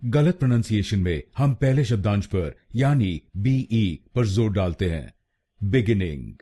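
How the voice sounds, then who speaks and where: Slow husky male pronunciation teacher. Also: lowish voice, animated, warm tone. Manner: slow, deliberate, repeats each word several times. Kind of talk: scripted explanatory lesson.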